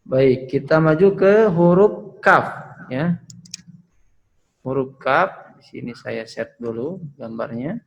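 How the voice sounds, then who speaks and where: A man's voice: mid-range voice, slow, vocal fry, highs cut off. A male Quran recitation teacher explaining letter pronunciation patiently, demonstrating sounds and tagging phrases with "ya". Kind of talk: online Quran pronunciation lesson.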